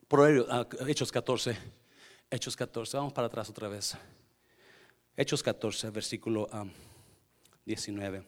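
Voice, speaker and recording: A pastor preaches to his congregation in Spanish, dropping in English phrases and shifting between quiet, intimate moments and loud, shouted passages. His voice sits on the low side.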